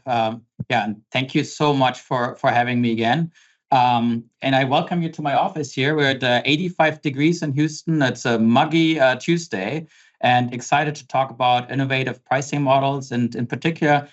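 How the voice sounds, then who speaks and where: Casting note: man in his forties, German accent, chatty webinar presenter, mid-pitched, slightly muffled audio. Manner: conversational, many fillers and repeated words. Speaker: pricing consultant presenting a webinar. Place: home office.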